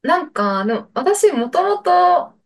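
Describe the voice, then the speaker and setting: A young woman guest on a podcast, talking softly and hesitantly with many fillers. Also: extremely high pitch, big pitch swings, slow pace. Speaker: guest staff member. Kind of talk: casual podcast interview.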